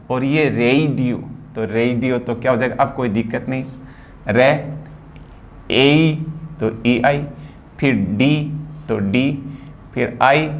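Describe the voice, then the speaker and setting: A man's voice: mid-range voice, a little hiss or hum. A man from India teaching a phonetics lesson, explaining patiently and spelling out words sound by sound. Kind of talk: phonetics lecture.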